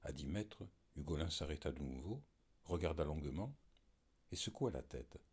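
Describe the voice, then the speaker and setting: Low husky-voiced male audiobook reader. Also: lively intonation, normal speed, a little mellow. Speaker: audiobook reader and podcast host. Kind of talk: scripted narration of a novel.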